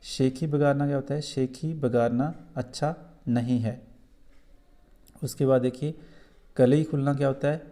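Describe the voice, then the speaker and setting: A man's voice: medium pitch, fairly even intonation, moderate pace, long pauses, dark tone. A man with a Kashmiri accent who teaches a school lesson, explaining answers patiently and repeating points for young students.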